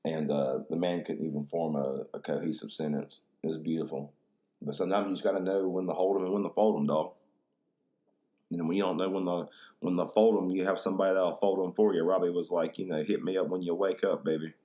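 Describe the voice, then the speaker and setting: A man with a very deep, low-pitched voice hosts his podcast in a loose, rambling chat. He talks in slang, swears freely and calls everyone dude and bro. He is a little tipsy from drinks. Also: little pitch movement, fast talker, dark tone. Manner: laid-back, slangy and profane, full of "dude" and "bro". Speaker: podcast host.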